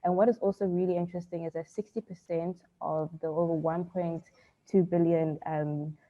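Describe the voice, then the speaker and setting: Low flat-voiced woman on a tinny line. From South Africa. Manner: measured, businesslike, frequent ums. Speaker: panelist, business founder. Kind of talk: conference panel talk. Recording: tinny phone-like call audio.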